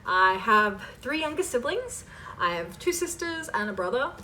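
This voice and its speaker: Answering questions from fans, an online voice performer in her twenties talks at normal speed in a fairly high, very animated voice with a sharp tone. Her chat is casual and rambling, with frequent self-interruptions. The mic sits at a distance, and background noise is clearly heard.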